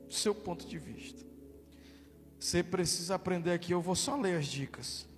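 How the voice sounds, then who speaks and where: Brazilian male pastor, high and loud, emphatic sermon, long church-hall reverb. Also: moderate pace. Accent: Brazilian Portuguese. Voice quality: naturally loud voice. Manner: loud, emphatic preaching, calls out to the congregation. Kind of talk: sermon with declared prayer. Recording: reverberant hall with faint music.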